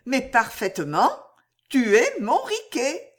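A woman's voice: high voice, sing-song, measured pace, voice pushed up. A woman voicing Riquette, a frank, playful young woman in love, in a dramatized story reading.

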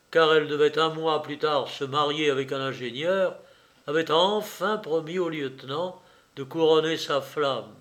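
A man narrating an audiobook in a measured, wry storytelling manner. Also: on the high side, fairly bright tone.

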